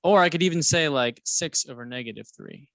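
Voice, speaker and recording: A man's voice: fairly high pitch, brisk, a bit bright, no room sound. A man teaching math alongside a colleague, playful and jokey, guiding with questions. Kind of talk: co-teaching a lesson, casual banter.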